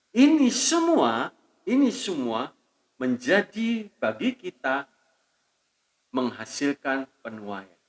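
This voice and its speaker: A man preaching a sermon as pastor, emphatic, dropping to soft asides and swelling loud on key lines, calling out hallelujah to his congregation. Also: mid-range voice, rough recording. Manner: addresses the congregation as saudaraku and calls out hallelujah.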